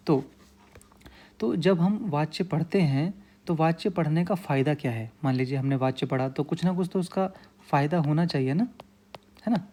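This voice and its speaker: A man's voice: a little high, mellow. A man teaching a grammar lesson, explaining patiently with lots of repetition and frequent check-ins with his students.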